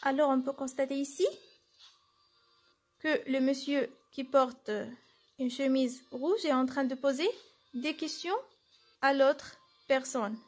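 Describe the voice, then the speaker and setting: A woman's voice: sits high, fairly even intonation, takes it slowly, pauses often, soft background music. A woman teacher giving a lesson, explaining step by step and answering her own questions. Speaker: French teacher. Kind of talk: classroom lesson.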